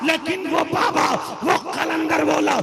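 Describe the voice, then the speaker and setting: A man preaching a fervent sermon, telling a story in a shouted, sing-song declamation. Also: very high voice, steady tone, slow, gravelly, reverberant, very noisy. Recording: loud music and crowd behind.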